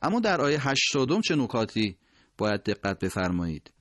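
A man gives a recitation lesson, pausing to stretch out each example word slowly and carefully. His voice sits at a middling pitch. The sound is dry and close, with no room around it. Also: very animated, fairly bright tone, no room sound. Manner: slow, drawn-out demonstration of words. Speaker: Quran recitation teacher. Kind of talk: tajwid lesson explaining pronunciation.

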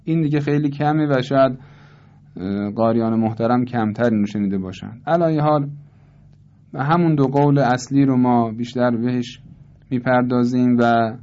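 A man teaching Quran recitation rules, explaining calmly and slowly demonstrating how words are pronounced. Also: medium pitch, dull audio. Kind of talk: tajweed lesson.

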